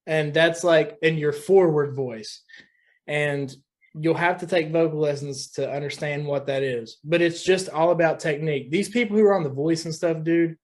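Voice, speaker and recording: A young man from West Virginia, a guest musician talking loosely in a casual podcast chat, often saying dude. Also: a little high.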